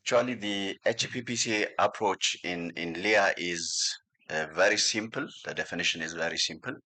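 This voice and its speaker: A man's voice: low voice, normal speed, pushed and bright. A man from Ethiopia giving a conference talk at a podium, hesitant, with frequent fillers. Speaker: conference presenter. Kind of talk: conference presentation. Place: large conference hall.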